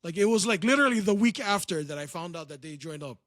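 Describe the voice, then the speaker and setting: A man's voice: sits high, expressive, quick pace, fairly bright tone, no echo, clean studio sound. A man co-hosting a wrestling podcast, sarcastic, repeating phrases for comic effect. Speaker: podcast co-host. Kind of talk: casual podcast chat.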